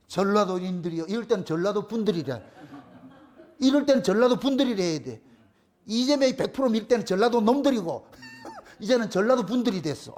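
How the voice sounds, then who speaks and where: A man, a pastor, preaching a sermon in a blunt, colloquial way and repeating his key phrases for emphasis. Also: high voice. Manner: blunt, colloquial, crude at times. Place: church.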